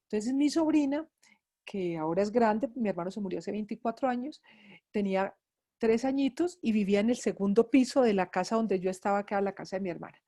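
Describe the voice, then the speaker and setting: A woman's voice: mid-range voice, fairly quick, dark tone. A middle-aged woman from Antioquia, Colombia, with an Antioquian accent, a grief psychologist telling her own story to a class, emotional and repeating words for emphasis. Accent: Antioquian Colombian Spanish. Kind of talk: personal testimony in a lecture.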